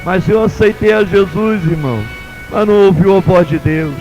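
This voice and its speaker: A man with a Brazilian Portuguese accent preaching a sermon as pastor, in a sing-song cadence that swells into shouts. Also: high voice, normal speed, dull audio, soft background music.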